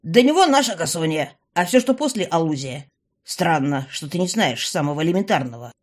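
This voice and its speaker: A woman's voice: low-pitched, animated, a little fast. A woman voicing a big, practical man in an audiobook, speaking in a matter-of-fact way. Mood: explaining. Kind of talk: audiobook character voice.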